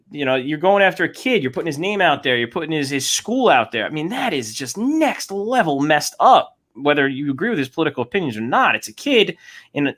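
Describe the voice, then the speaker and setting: A man co-hosting a casual podcast chat, animated and joking. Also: mid-range voice. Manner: animated, joking, puts on silly voices. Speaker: podcast co-host.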